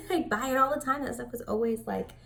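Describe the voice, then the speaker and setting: Chatty young woman with a gravelly edge. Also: a little high, a little fast. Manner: chatty, rambling, with many fillers and soft whispered asides. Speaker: beauty vlogger. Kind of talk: makeup tutorial chat. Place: home.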